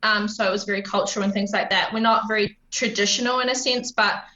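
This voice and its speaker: A woman in her late twenties with a New Zealand accent talks casually as a podcast guest, peppering her sentences with ums. Her voice is bright and forward, though the line sounds roomy and somewhat muffled. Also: medium pitch, steady tone, fast. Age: 20s. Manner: chatty, frequent ums, laughs easily. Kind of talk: casual interview chat. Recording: roomy, dull lo-fi remote line.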